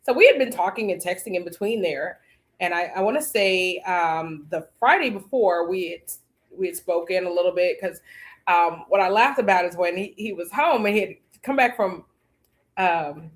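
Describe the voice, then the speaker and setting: Low-pitched woman telling a personal story. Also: lively intonation, normal speed. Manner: rambling with fillers and quoted dialogue. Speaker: podcast host.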